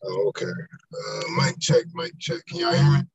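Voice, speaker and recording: A man on an online call in a casual group discussion, his audio breaking up and turning robotic, halting and repeating words as he starts. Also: medium pitch, wildly swooping pitch, gravelly, husky, no echo. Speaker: call-in participant in a scripture study. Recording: dull, dry call line.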